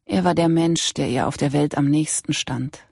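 A steady, measured audiobook narration at a middle pitch. The voice is gravelly and somewhat husky. It is recorded close and dry, with no room sound. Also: no echo. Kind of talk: scripted narration of a crime novel.

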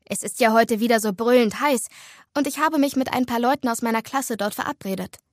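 A woman's voice: on the high side, brisk, dry recording, clean studio sound, close to an everyday voice. Woman doing a startled earnest teen girl. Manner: surprised, earnest. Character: good-natured teenage girl who rides horses, easily startled. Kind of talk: storybook dialogue.

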